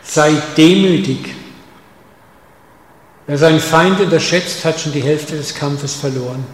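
A man delivers a sermon in a somewhat high voice, addressing his listeners head-on with pointed rhetorical questions. He swings from hushed, intimate lines to loud, stressed ones. The sound carries a long hall reverb over a faint background hum. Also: unhurried. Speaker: preacher.

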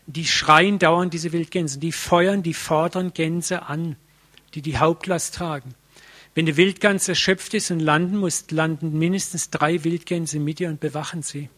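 A male preacher with a somewhat high-pitched voice delivers a sermon. He talks in a casual, lively way, tells stories with everyday slang, and keeps turning straight to his listeners with questions. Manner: colloquial and lively, addressing the congregation directly; vivid storytelling with everyday slang.

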